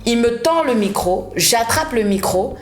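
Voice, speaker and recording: A woman's voice: a little high, lively intonation, unhurried, faint music behind. A woman from Senegal in her thirties, a journalist and TV presenter, telling her story in a casual interview chat and slipping in English phrases. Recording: roomy studio sound.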